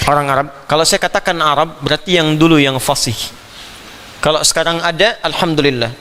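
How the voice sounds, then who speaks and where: A man preaching a Quran commentary lecture to an audience, animated and playful, slipping into imitations of foreign phrases. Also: fairly high pitch, big-room sound, slight background noise. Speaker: Islamic preacher.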